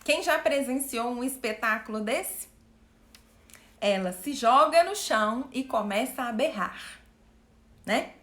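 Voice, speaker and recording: A woman coach speaking live to her viewers, animated, asking them questions and acting out what people say. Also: fairly high pitch, slow pace, long pauses, echoey room. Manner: animated, asks the audience questions, acts out quotes. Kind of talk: live-stream talk to viewers.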